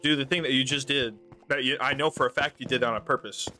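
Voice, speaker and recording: A man's voice: medium pitch, steady tone, fast, noisy background. A young man hosting a gaming video, chatting casually, swearing often and rambling when he gets exasperated. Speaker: gaming channel host. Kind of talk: casual gameplay chat.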